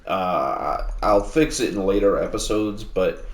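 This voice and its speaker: A low-voiced man hosts gameplay videos from a house, sitting at a distance from the mic and talking louder than normal to make up for it. His casual commentary is rambling and relaxed, at a measured pace, with many fillers and restarts, in an echoey room.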